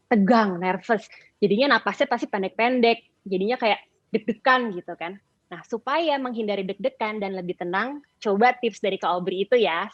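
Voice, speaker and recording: A woman's voice: mid-range voice, no room sound. Woman teaching public speaking tips to teens, upbeat, lots of ums, kinda dull lo-fi sound. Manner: upbeat, explanatory, with frequent "eh" and "em" fillers. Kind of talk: instructional talk to teens.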